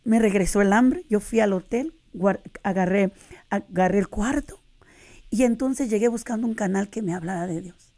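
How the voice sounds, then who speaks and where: A woman's voice: mid-range voice, moderate pace, warm tone. A middle-aged woman telling her faith testimony on a radio interview, earnest and addressing listeners as sisters. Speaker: guest giving a testimony.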